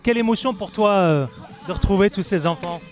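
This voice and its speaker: A man's voice: sits high, a little fast. A man presenting and interviewing on location as a television reporter, in emphatic short phrases. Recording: faint music behind.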